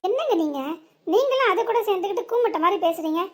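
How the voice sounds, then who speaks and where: A woman voicing a quick-tempered, sharp-tongued young wife in a cartoon serial. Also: extremely high pitch, expressive. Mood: arguing. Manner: bickering, sharp, quick retorts. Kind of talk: Tamil cartoon serial voice acting.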